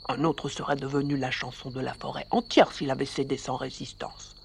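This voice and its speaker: A narrator voicing a calm, wise male dog who gives advice in a radio story reading. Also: mid-range voice, brisk, creaky, slight background noise, pitched below the performer's own voice, close to an everyday voice. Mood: advising.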